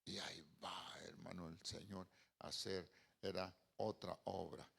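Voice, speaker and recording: A male pastor preaching a sermon, moving from quiet storytelling to loud, drawn-out exclamations. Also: sits low, level tone, gravelly, breathy edge.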